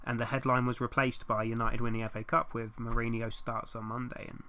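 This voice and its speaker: A man's voice: medium pitch, little pitch movement, bright, forceful tone, a little hiss or hum. A man from England, co-hosting a casual comedy podcast and giving his frank, sweary opinions. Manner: opinionated, quick, sweary asides. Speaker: podcast co-host.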